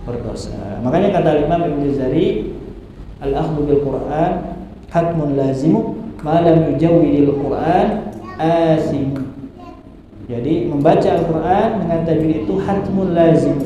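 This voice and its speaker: A man teaching correct Quran recitation, chanting verses slowly before explaining the rules. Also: on the high side, dark tone, muffled recording. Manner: models recitation in slow drawn-out chanting, then explains. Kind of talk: teaching tajwid pronunciation. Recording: echoey hall, mic far off, faint hiss.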